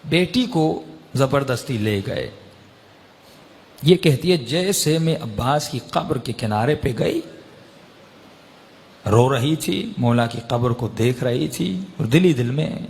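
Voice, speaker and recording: A man's voice: medium pitch, lively intonation, vocal fry, pauses often, a little mellow. A man preaching in an emotional storytelling sermon, impassioned and rising to raised pleading peaks. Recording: long hall reverb.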